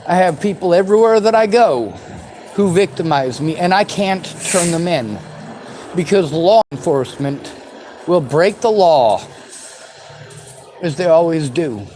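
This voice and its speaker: A man's voice: fairly high pitch, lively intonation, a little slow, long pauses, mellow, rough recording. Male, 40s, vlogger, bitter and sweary, light hiss behind the voice. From western United States. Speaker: vlogger answering viewer questions. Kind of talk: angry unscripted monologue.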